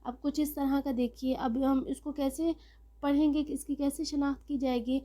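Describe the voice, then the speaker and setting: A woman with a somewhat high voice teaches a recorded reading lesson as an online Quran teacher. She explains patiently, point by point. When she says a letter name she draws it out slowly and leans on it, so the learner can hear each sound. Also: level tone. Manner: patient, step-by-step explaining, stretching out letter names slowly and loudly.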